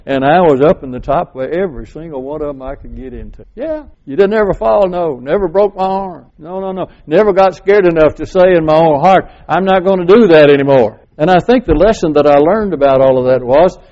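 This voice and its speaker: A man's voice: fairly high pitch, fairly quick, hardly any pauses, dull audio. A man, preaching a sermon in a folksy way and asking the congregation questions. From West Texas. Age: 70s. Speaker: pastor.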